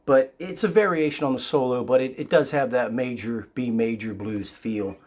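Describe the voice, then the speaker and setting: A man with a raspy, sick voice, giving a casual guitar lesson in a relaxed, halting way with many fillers. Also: mid-range voice. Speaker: guitar teacher. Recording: loud guitar playing behind the voice.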